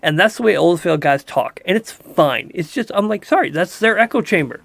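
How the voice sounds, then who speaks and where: A man's voice: high voice, lively intonation, fairly quick, vocal fry, fairly bright tone, dry recording. A man co-hosting a casual podcast, telling rambling stories and laughing often. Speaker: podcast co-host. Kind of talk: casual chat.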